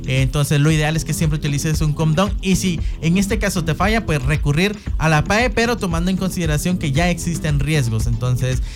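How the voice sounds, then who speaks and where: A woman hosting an educational radio talk, often pausing to search for words. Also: low-pitched. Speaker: radio host.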